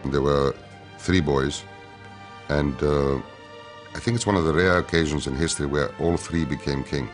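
Interviewee, man, very deep voice, brisk anecdotal telling, light music behind. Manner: brisk, lively storytelling.

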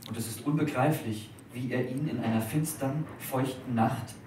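Male reader, dramatic literary reading, heard from far off in a very echoey dining room with faint background noise. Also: mid-range voice. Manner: measured, expressive. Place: restaurant at a live dinner reading.

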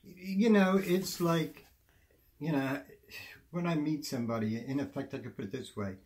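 An older man, a veteran of the music industry, giving animated, folksy motivational advice in an interview. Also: fairly high pitch, moderate pace.

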